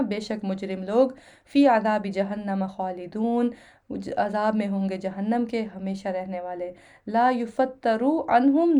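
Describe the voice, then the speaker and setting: A woman with a Pakistani Urdu accent teaches the Quran in a mellow, warm voice. She recites each Arabic phrase slowly, then explains it in plain Urdu with homely examples. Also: mid-range voice. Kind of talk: word-by-word Quran translation lesson.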